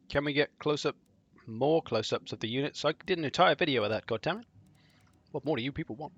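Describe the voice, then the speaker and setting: A man streaming a game in casual chat, answering viewers with sardonic banter and often clearing his throat. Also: fairly high pitch, normal speed, a bit bright, lo-fi sound.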